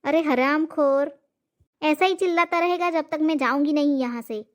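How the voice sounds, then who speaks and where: A woman voicing a fierce old cartoon mother who scolds without pause, sharp-tongued and loud with insults. The voice sits high for an old woman. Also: lightly acted. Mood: irritated scolding. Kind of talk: cartoon comedy voice acting.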